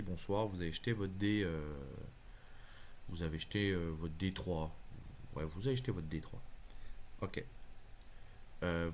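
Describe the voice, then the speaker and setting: A man's voice: low voice, a little hiss or hum. A man talking casually and enthusiastically through a card game analysis, thinking aloud with plenty of hesitations.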